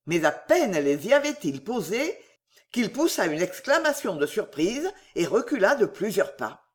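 A woman narrating a classic novel aloud in an expressive, theatrical reading. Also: medium pitch. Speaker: audiobook narrator.

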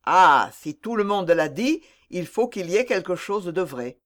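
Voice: medium pitch, lively intonation, measured pace, lightly acted. Wry, worldly old musketeer captain, teasing and blunt, as an audiobook reader does him; classic-novel reading. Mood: mocking. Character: seasoned musketeer captain, older man, wry and mocking.

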